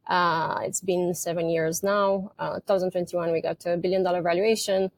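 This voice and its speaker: A woman's voice: fairly low pitch, fairly even intonation, moderate pace, dry recording. A woman from Romania with a Romanian accent, a company co-founder speaking as an interview guest in a thoughtful, hesitant way, with many fillers and restarts. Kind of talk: conversational interview.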